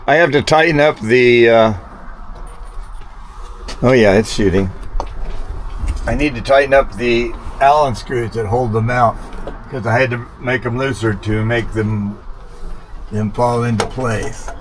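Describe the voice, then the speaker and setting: The audio is poor as a medium-pitched man speaks unhurriedly with long pauses. A vlogger installing a vintage radio, he narrates the job in a casual, slightly rambling way, with clear background noise and vehicle sounds around him.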